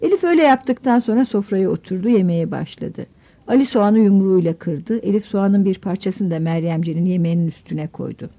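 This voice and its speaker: A woman narrating a novel in measured storytelling, giving the characters voices. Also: medium pitch, warm tone. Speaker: audiobook narrator. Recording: dull lo-fi audiobook recording.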